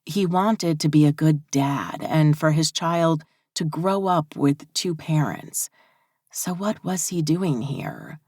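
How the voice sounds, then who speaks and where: Slow, low-voiced woman narrator. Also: a little mellow, slightly rough, no room sound, clean studio sound. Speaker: audiobook narrator. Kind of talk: scripted narration.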